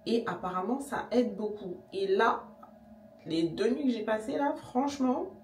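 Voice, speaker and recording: A young woman chatting casually to camera in her vlog, slangy and relaxed, sometimes talking with her mouth full. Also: fairly high pitch, a little slow, soft background music. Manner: chatty, slangy, talks while eating. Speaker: vlogger. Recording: echoey room, voice a bit distant.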